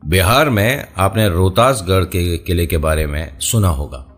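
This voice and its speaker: A man's voice: sits low, a little slow, soft background music. A man hosting a casual horror storytelling show, chatting straight to the listener with playful asides. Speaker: storyteller and channel host.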